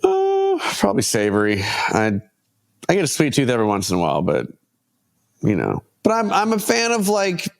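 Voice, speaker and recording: A congested man in his thirties talks casually as a podcast guest. His voice sits at a middle pitch, and he rambles and corrects himself as he goes. He laughs easily between thoughts. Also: huge pitch swings, moderate pace, vocal fry. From United States. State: stuffed up from allergies. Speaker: podcast guest, portrait photographer. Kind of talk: casual interview chat.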